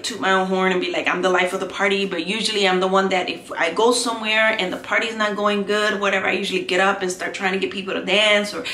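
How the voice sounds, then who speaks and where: Woman vlogger with a bright, sharp tone, rambling and candid while getting ready; echoey home room, faint hiss. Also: medium pitch. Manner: rambling, candid, talks while doing makeup. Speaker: beauty vlogger. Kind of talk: casual get-ready-with-me chat. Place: home, indoors.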